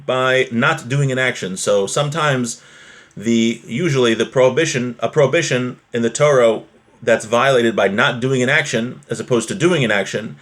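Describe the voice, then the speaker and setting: A religious teacher gives an informal lesson in a mid-range, fairly bright voice at normal speed. He reads from a text and explains it conversationally, using everyday examples and check-in questions.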